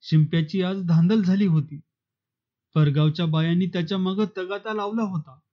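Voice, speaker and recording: High-voiced male novel narrator. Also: moderate pace, lo-fi sound. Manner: steady storytelling. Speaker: audiobook narrator. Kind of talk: novel reading.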